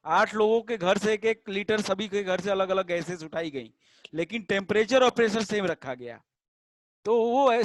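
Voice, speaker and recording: A man teaching a chemistry class, patiently checking that students understand and drawing out English terms slowly. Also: high-pitched, no echo. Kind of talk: classroom lecture.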